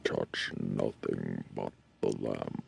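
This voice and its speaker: A man putting on an ominous male cave guardian through a deep voice changer with a cave echo, speaking slowly and gravelly. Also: fairly even intonation, faint music behind, exaggerated voice. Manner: slow, drawn-out command.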